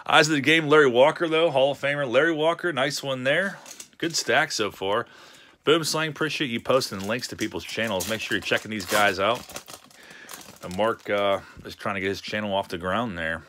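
A man's voice: fairly low pitch, pushed and bright. A man, casually chatting with a live-stream chat while opening card packs at a home desk. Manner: chatty, reads chat messages aloud with laughs.

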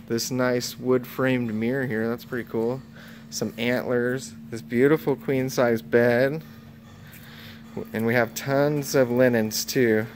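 A man hosts a relaxed walkthrough preview of an auction floor, narrating item after item at an unhurried pace. His voice sits at an ordinary middle pitch, and the audio comes from a handheld phone. A faint warehouse hum runs underneath. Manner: unhurried, casual item-by-item commentary. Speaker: auction house preview host. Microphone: handheld phone camera.

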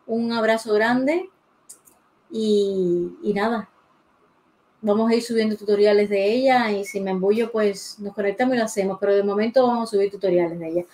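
In a live drawing tutorial, a woman with a mid-range, darkish voice chats casually while she draws, thinking aloud and greeting viewers by name. The rough recording comes from a desk mic beside the pencil sharpener.

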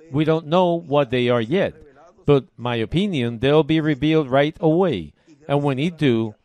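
Measured male preacher reading scripture. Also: medium pitch, a little mellow. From Puerto Rico. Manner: measured, emphatic, pauses between short phrases. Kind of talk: sermon, reading and explaining scripture. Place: church service.

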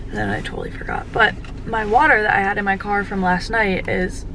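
A woman's voice: mid-range voice, fairly even intonation, fairly quick, bright, forceful tone, poor audio. A college woman in her twenties chatting to a camera from her parked car, rambling along with plenty of fillers. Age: 20s. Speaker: college student vlogger. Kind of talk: casual chat to camera. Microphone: camera on dashboard. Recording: car with clear background noise.

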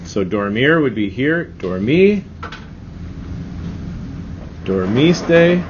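Speaking very slowly in a mid-range voice, a Spanish teacher explains grammar with great animation. He keeps the classroom mood easygoing and reassuring, regularly checking in through short rhetorical questions. Expect dull lo-fi audio and distinct background noise.

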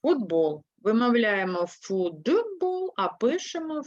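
Female grade-school teacher, very slow and deliberate delivery, dull dry lo-fi recording. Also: mid-range voice, animated, no echo. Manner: slow, spelling words out syllable by syllable; patient, explaining step by step. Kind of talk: third-grade language lesson.

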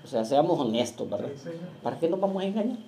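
A male pastor preaching to his church, often checking in with the congregation and slowing down to read scripture aloud. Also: fairly high pitch, big pitch swings, slight background noise. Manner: keeps asking the flock "¿verdad?"; reads scripture slowly and loudly. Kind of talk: Pentecostal-style sermon. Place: church in Las Vegas.

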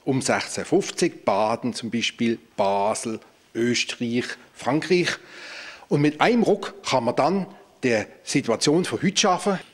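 A man's voice: mid-range voice, a little slow. A man, a museum director explaining exhibits on a guided tour, speaking into a handheld mic in a large exhibition hall. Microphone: handheld microphone.

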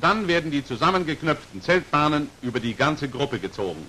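Narrating a military instructional film from the 1940s, a man reads his script with formal, crisp articulation and a fairly high, animated voice whose pitch shifts broadly from phrase to phrase. The pace is fairly quick, with slight background noise.

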